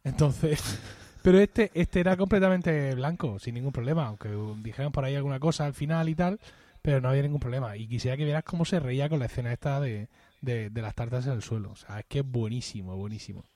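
A man's voice: medium pitch, fast talker, warm tone, no echo. A man co-hosting a casual podcast chat, talking in an enthusiastic, chatty way and laughing often. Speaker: podcast co-host.

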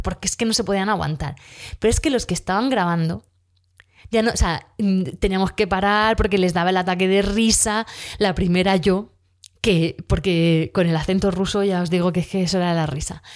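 A school teacher with a medium-pitched, darkish voice and a cough talks casually about a class. She often corrects herself mid-sentence as she gives her account.

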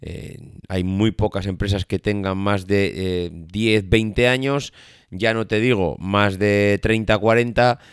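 A man's voice: on the low side, fairly even intonation, slow, smooth, no room sound, clean studio sound. A man with a Spanish accent from Spain hosting a solo podcast, his voice nasal and stuffed up with a cold, rambling and often correcting himself. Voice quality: nasal, congested from a blocked nose. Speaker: podcast host.

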